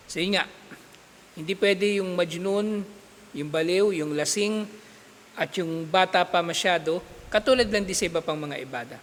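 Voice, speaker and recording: Man, religious teacher, classroom lecture, high pitch, long room reverb. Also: slight background noise. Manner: explains patiently, checks understanding with repeated "okay?"; recites Arabic text in quick bursts. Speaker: Islamic studies teacher.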